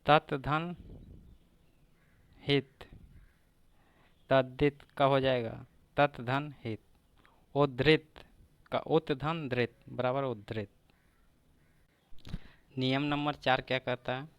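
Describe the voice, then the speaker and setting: Preparing students for an exam, this male grammar teacher goes through each example slowly, word by word, saying it again. His voice is medium in pitch, steady and smooth.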